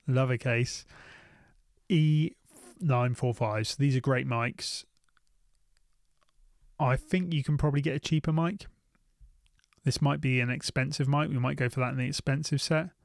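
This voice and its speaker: Speaking at a measured pace and pausing often, a British man who reviews gear on YouTube talks through products in loose, unscripted shopping commentary. He's mid-pitched with heavy vocal fry, muses aloud, repeats little phrases, and sounds close and dry.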